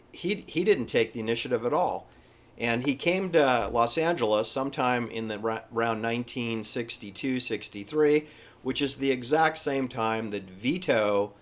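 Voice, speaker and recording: A man giving informal, opinionated history commentary in an emphatic, halting, repetitive manner. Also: mid-range voice. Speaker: presenter. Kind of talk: informal conspiracy-history commentary over pictures.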